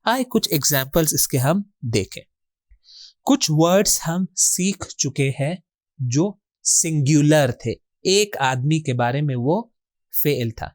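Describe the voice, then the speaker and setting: A man's voice: fairly high pitch, lively intonation, dry recording, clean studio sound. A man teaching a word-by-word Quran grammar lesson, posing questions to his students and answering them himself, with English terms mixed into his explanations.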